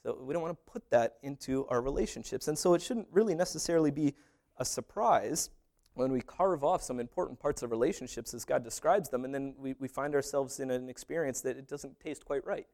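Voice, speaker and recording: Preaching in a creaky, medium-pitched voice, a pastor moves briskly through an animated sermon, with humorous asides and short dialogues he acts out.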